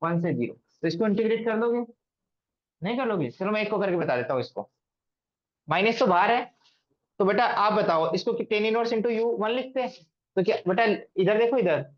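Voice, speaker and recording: A man's voice: high-pitched, lo-fi sound. A man teaching maths to a class. He asks the students questions and repeats them often. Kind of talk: classroom lecture.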